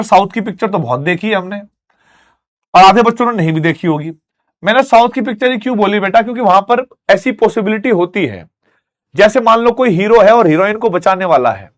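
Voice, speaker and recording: A male teacher giving a classroom lecture, telling stories and making sound effects to explain a point. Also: high-pitched. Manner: animated storytelling with sound effects.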